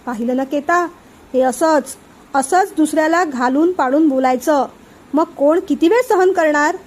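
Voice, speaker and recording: A woman's voice: high-pitched, normal speed, natural voice. A woman reading a sulky, fed-up young husband. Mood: aggrieved. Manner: melodramatic, rhyming complaints. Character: young married man, sulky and fed up with his wife.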